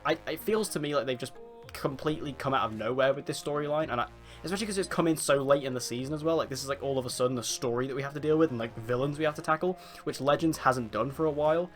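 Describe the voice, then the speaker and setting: Fast-talking man rambling an episode review. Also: medium pitch. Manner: rambling, filler-heavy, says "like" often. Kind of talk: casual spoken review.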